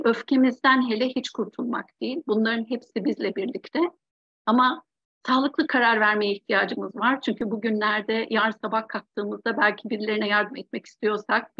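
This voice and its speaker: Husky, gravelly woman on a dull call. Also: mid-range voice, dry recording. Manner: earnest, reflective, with frequent fillers. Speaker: psychologist co-presenter. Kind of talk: speaking at an online workshop. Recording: dry, dull lo-fi call audio.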